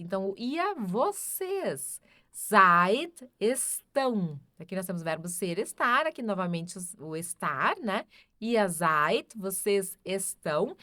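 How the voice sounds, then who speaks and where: A woman with a Brazilian Portuguese accent teaching a grammar lesson, patiently repeating each example sentence slowly. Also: mid-range voice, pushed and bright, no room sound, studio quality. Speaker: German teacher.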